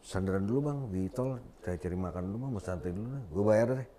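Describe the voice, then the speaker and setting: A man tells his story, full of fillers, restarts and acted-out quotes. His pitch jumps sharply when the quoted voices come in. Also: fast. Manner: animated, acts out quoted dialogue, many fillers and restarts. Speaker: interview guest giving testimony. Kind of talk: emotional storytelling.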